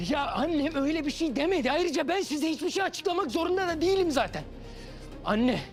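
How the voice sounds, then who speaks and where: A man's voice: extremely high pitch, animated, fast talker, faint music behind. An actor playing a desperate young man pleading to take his sick mother home, in a TV drama. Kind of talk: TV drama acting.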